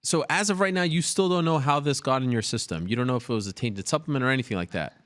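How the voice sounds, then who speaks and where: Male show host, quick delivery, probing interviewer; mid-range voice, dry. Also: mid-range voice, fairly bright tone, no room sound. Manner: probing, presses with follow-up questions.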